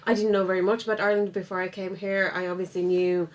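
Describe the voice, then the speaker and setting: A woman in her thirties from Sweden, a native Swedish speaker with a slight Swedish accent, answering interview questions in a measured, articulate way. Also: medium pitch, flat delivery. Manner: articulate, measured, with some fillers. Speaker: local councillor. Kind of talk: interview guest.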